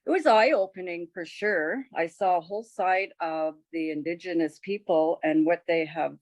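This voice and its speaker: A woman's voice: lowish voice, normal speed, a little mellow, dry recording. An older woman from Montreal, chatting casually as an interview guest, rambling with restarts and frequent laughs. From Montreal, Canada. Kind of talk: casual conversation.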